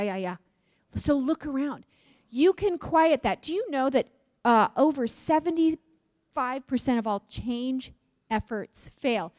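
A woman's voice: a little high, no room sound, studio quality. A woman from Utah giving a conference talk, asking the audience questions and joking. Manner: lively, questions the audience, jokes. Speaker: conference speaker.

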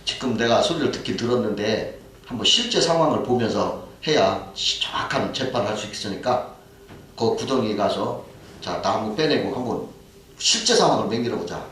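A man voicing a clever rabbit acting as judge in a folk tale, speaking calmly and matter-of-factly, heard far off in an echoey hall. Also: lowish voice, moderate pace, a little hiss or hum. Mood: crafty.

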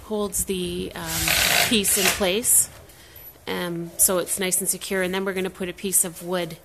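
Holding her phone camera, a woman shows a home project in an open garage and driveway outdoors, speaking casually with many ums and restarts. Her voice sits on the low side, unhurried with little pitch movement. Background noise is heavy.

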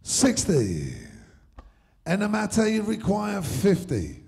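A man working as a darts score caller, announcing match scores in a drawn-out, projected delivery. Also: high voice, huge pitch swings, creaky, darkish tone. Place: indoor tournament hall with seated audience.

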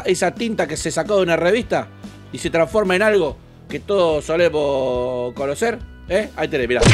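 A man with an Argentine Rioplatense accent hosting a reaction video, crude and mocking, jumping between shouts and mutters. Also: sits high. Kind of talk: casual reaction commentary.

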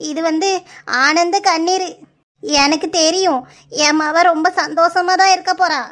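A very high, chirpy voice for a brisk village mother-in-law, voiced by a woman. She speaks a southern Tamil dialect and reassures people in a quick cartoon manner. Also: fairly even intonation, a bit bright. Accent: southern Tamil Nadu (Tirunelveli) dialect. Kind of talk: cartoon voice acting.

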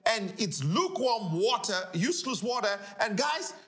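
A middle-aged man, a pastor, teaching scripture on a talk show in an animated, emphatic way, repeating key phrases. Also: high-pitched, moderate pace. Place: living-room studio set, indoors.

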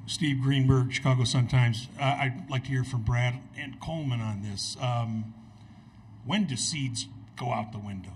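A man's voice: medium pitch, normal speed, a little mellow. A male sports reporter asks his question at a press conference. He is plain and direct, stating the point and then asking it outright. A faint hum of the room runs underneath.

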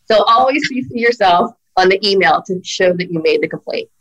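A middle-aged employment lawyer appears as a guest on a video call from an office with a brick wall, offering earnest, emphatic advice in a casual conversation. Her medium-pitched voice is animated, fairly quick and fairly bright. The webcam recording sounds rough.

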